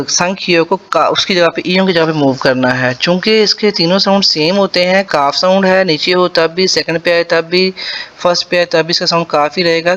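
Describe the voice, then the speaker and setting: A man with a Punjabi-accented Urdu voice, patiently teaching Korean pronunciation to beginners and repeating sounds slowly syllable by syllable. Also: sits high, a bit bright, muffled recording. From Pakistan.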